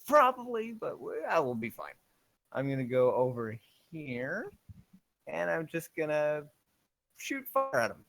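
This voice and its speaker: A young man playing a tabletop game, laughing, swearing and thinking out loud with many ums. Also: a little high, expressive, a little slow, vocal fry. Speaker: player. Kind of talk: casual tabletop game chat.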